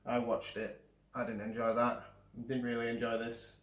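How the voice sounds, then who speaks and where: A man's voice: mid-range voice, completely flat delivery, moderate pace. A man hosting a casual movie review chat, talking hesitantly with frequent restarts. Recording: roomy echo.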